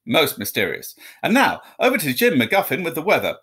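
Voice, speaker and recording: A man voicing a formal, drily humorous television newsreader in a storybook reading, announcing in a measured manner. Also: on the high side, huge pitch swings, fairly bright tone, husky, full character voice. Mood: formal, wry.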